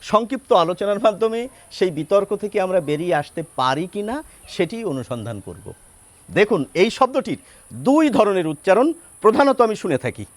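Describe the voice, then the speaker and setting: An older man with a Bengali accent, teaching pronunciation in a slow, deliberate lesson. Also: high-pitched, very animated, no room sound. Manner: slow, deliberate demonstration of words. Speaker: language teacher.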